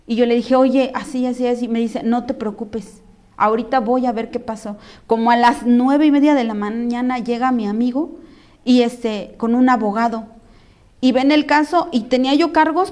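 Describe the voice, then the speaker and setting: Earnest Mexican woman, slightly high voice. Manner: earnest, animated retelling, acting out others' words. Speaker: guest. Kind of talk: personal testimony in a conversation.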